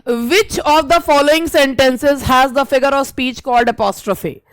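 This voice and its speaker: Slow, high-voiced woman teaching. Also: no room sound. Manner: reads English questions slowly, explains in Hindi. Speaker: English literature teacher. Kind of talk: exam-prep lesson.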